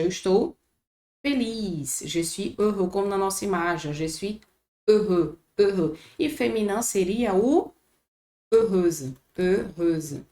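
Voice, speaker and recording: A woman with a Brazilian Portuguese accent teaching a vocabulary lesson, slowly repeating each word for her students. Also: fairly low pitch, dark tone. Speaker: French teacher. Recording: echoey room.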